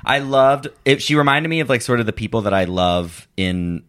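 A man's voice: mid-range voice, expressive, moderate pace, fairly bright tone. A man in his twenties chatting casually as a podcast guest, phrasing things hesitantly and peppering sentences with "like". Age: 20s. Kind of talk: casual chat.

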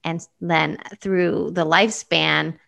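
A woman's voice: low-pitched, steady tone, slow pace, creaky, a bit bright. A woman in her fifties, answering interview questions thoughtfully and with some hesitation. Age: 50s. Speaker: guest.

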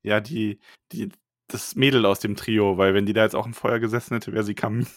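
A man's voice: lowish voice, level tone, brisk, no room sound, clean studio sound. A man co-hosting a casual book podcast, joking around and making puns. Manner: joking, makes puns, laughs often. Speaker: podcast co-host. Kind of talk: casual chat recapping a book chapter.

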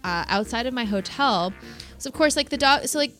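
A woman's voice: on the high side, lively intonation, fairly quick, a bit bright, faint music behind. A woman co-hosting a podcast in casual chat, chatty and self-deprecating, laughing often. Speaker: podcast co-host.

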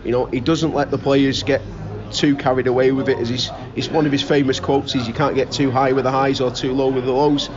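Male football pundit in interview, emphatic and repetitive, mid-pitched, busy crowd sound behind. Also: little pitch movement, brisk, highs cut off. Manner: emphatic, repeats words. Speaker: local radio football commentator. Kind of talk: enthusiastic interview talk. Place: busy pub. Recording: busy pub chatter behind.

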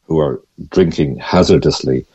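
A man's voice: extremely low pitch, moderate pace, a little mellow, husky. A man over sixty-five with a west of Ireland accent, talking conversationally as an interview guest, often hesitating and repeating words as he explains. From Galway, west of Ireland. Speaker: radio interview guest, mindfulness teacher.

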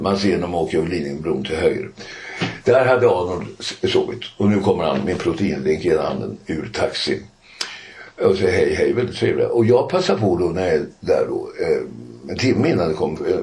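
Older male guest: deep, animated storyteller, chatty, peppers stories with fillers and tag questions. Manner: animated anecdotes with frequent "eh" and "va?" tags. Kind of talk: casual storytelling.

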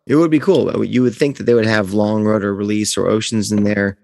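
A man's voice: fairly low pitch, fairly even intonation, brisk, vocal fry, a little mellow, no room sound, clean studio sound, in a large hall. A man hosting a podcast in a casual, chatty style. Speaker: podcast host. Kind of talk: casual chat.

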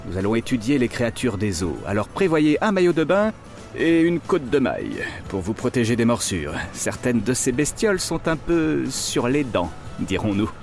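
A man narrating a children's fairy tale in a playful, expressive voice, speaking as an inventor teacher to his class. His pitch rises and falls with lively swings. Soft music plays faintly beneath the telling. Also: moderate pace. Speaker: storyteller playing an inventor teacher.

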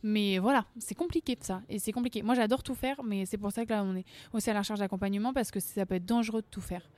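A woman's voice: medium pitch, quick pace, a little mellow. Chatty young woman singer. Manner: chatty, laughs often, many fillers and restarts. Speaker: singer guest. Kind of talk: casual interview chat.

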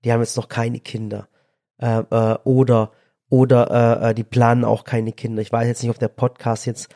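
A man's voice: medium pitch, level tone, moderate pace, dark tone. A man in his thirties, a father co-hosting a podcast, speaking earnestly with frequent restarts and fillers. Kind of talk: casual chat.

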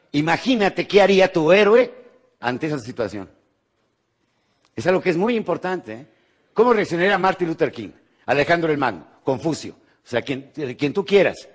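A Mexican man giving a live motivational talk to an audience, joking and asking rhetorical questions, his voice jumping from loud bursts to quiet asides. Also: a little high. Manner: jokey, rhetorical, checks in with "¿sí?". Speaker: motivational speaker. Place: conference hall with live audience.

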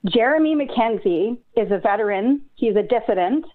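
A woman's voice: fairly high pitch, lively intonation, normal speed. A woman from Canada calling in to a talk show, speaking earnestly and urgently about something she cares about. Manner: earnest, urgent, getting emotional. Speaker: caller. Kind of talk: phone-in call. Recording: tinny phone line.

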